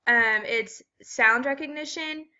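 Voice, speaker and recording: A woman's voice: high voice, slow pace, sharp tone, muffled recording. A woman walking through a children's reading assessment step by step, with frequent ums. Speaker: student teacher explaining an assessment.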